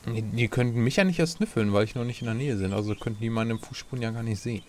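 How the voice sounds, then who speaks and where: A man with a German accent co-hosting a let's play, excitable and teasing, laughing often. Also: medium pitch, fast, a little hiss or hum. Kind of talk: casual gaming chat.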